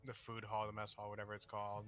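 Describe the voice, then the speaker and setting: Man, low, flat, bright voice, halting casual chat. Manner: loose, halting casual talk.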